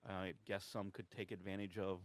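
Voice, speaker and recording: A man's voice: low voice, little pitch movement, normal speed, lightly acted. A man voicing an ancient, sleepy druid in a tabletop game, hesitant and rambling as he thinks aloud. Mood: hesitant recollection. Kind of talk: improvised in-character tabletop role-play.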